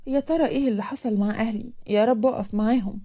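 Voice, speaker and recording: A woman's voice: on the high side, rapid-fire, warm tone, husky. A woman voicing a frightened young woman on the run, with an Egyptian Arabic accent and a raised, anxious voice. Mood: tearful.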